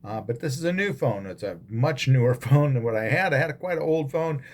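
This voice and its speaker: Pastor talking into a phone video. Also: male voice, mid-range voice, animated, fairly quick, a little mellow. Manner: conversational, with frequent ums and restarts. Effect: phone video recording. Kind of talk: casual daily devotional talk. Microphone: recorded on a phone.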